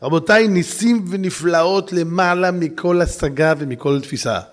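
Guy preaching to a yeshiva crowd, animated storytelling, voice a bit high. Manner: animated, exclaiming, addresses listeners directly. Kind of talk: storytelling sermon.

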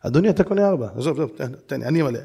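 A man voicing a pushy young male apartment salesman who badgers loudly and will not let go. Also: fairly high pitch, animated, gravelly, breathy edge, heavily acted. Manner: insistent, badgering, loud.

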